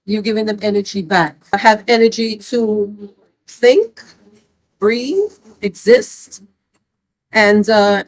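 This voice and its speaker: A woman's voice: mid-range voice, a little mellow, dry recording, rough recording. A woman explaining the meaning of her shirt in an earnest, emphatic street interview.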